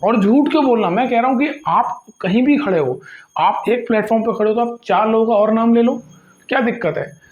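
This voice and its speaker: Earnest high-voiced teacher, echoey. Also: male voice, fairly quick, darkish tone, muffled recording. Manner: earnest, lecturing, rhetorical questions. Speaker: exam coaching teacher. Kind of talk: earnest direct-to-camera talk to students.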